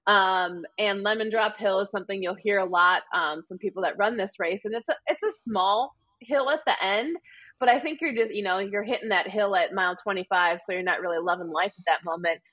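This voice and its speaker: A woman with a Wisconsin accent chats easily as a podcast guest, filling her sentences with ums and likes. Her voice sits at a middle pitch and comes through a somewhat dull, dry, lo-fi recording. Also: fairly quick, no room sound. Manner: chatty, frequent ums and likes. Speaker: podcast guest, marathon runner. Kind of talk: casual interview chat.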